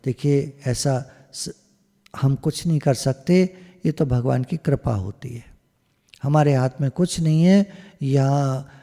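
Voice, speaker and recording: Mellow-voiced man giving a spiritual talk. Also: mid-range voice, gravelly, big-room sound. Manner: mixes in English phrases, slow and emphatic. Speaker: satsang speaker. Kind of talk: spiritual discourse. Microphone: video call.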